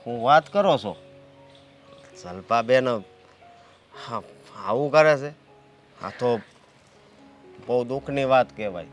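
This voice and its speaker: A man's voice: medium pitch, animated, takes it slowly, pauses often, highs cut off, faint music behind. An actor playing a respectful young brother who reassures his elderly uncle. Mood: concerned.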